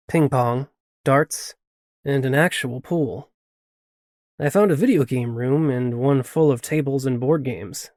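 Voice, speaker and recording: A man narrating a fantasy audiobook in the first person, steady and even in his storytelling. His voice sits at a middling pitch, recorded dry and close with no room sound. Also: dry recording.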